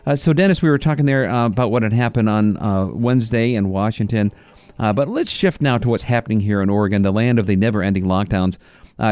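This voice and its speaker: A man's voice: fairly low pitch, a little mellow, dry recording. A man hosting a political talk radio show, speaking earnestly with frequent filler words.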